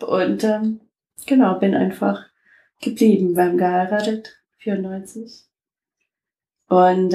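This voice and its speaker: Guest voice: gravelly, lowish American woman in her fifties, halting with many fillers, echoey room. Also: darkish tone. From United States (Detroit). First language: English. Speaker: interview guest. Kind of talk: casual interview talk.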